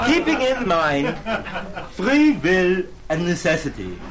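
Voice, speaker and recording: A man's voice: sits high, big pitch swings, takes it slowly, over a noisy crowd. A man telling a story as a wry, theatrical mock-professor in a comic lecture to a live audience. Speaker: comedian narrator and lecturer. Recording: noisy live stage recording.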